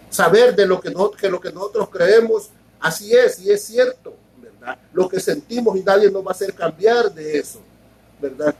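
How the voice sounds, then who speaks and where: A man's voice: high voice, darkish tone, husky, low-quality recording. A man preaching a sermon as pastor, explaining step by step, repeating words and often asking his listeners if they follow.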